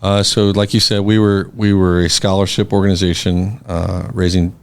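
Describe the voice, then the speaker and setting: A scholarship foundation board president appears as a guest in a casual podcast conversation, musing reflectively and easily with lots of fillers and restarts. His deep, smooth voice holds a level tone at a moderate pace.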